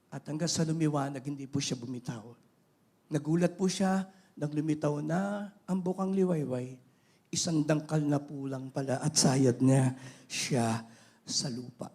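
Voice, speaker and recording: A middle-aged man with a Filipino accent, preaching a sermon in an animated way, mixing in English phrases. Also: high-pitched. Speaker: pastor.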